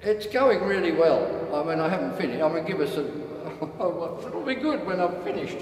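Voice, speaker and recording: An older man, a comedian, talking through his show in a mock-earnest, deadpan way. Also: on the high side, normal speed. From Australia. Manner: mock-earnest, acting out a crowd's cheers. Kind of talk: deadpan comic sketch. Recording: echoey room, heard from a distance.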